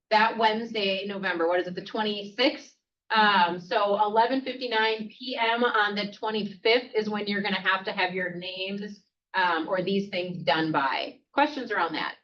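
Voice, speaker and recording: A woman's voice: medium pitch, recorded from a distance. A woman hosting a casual office team meeting, talking loosely with fillers. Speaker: meeting host. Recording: dull muffled meeting room audio.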